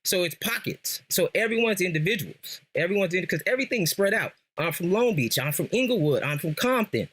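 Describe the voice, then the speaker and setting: With few pauses and a brisk pace, this man's high-pitched, slightly bright voice carries lively intonation. He's a lifelong Lakers fan from Los Angeles, Southern California, with an American accent, guesting casually on a podcast and telling slangy stories while repeating phrases for emphasis.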